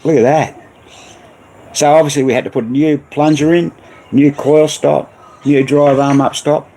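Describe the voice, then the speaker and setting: A man's voice: a little high, steady tone, normal speed, warm tone, slight background noise, poor audio. An Australian man hosting a casual livestream about repairing old pinball machines, rambling with many fillers. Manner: rambling, reads viewer messages aloud.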